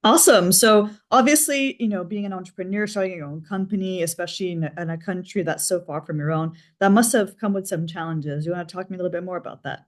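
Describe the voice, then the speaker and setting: Fast-talking, upbeat podcast hostess. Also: female voice, on the low side. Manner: upbeat, effusive. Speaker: podcast host. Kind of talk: podcast interview.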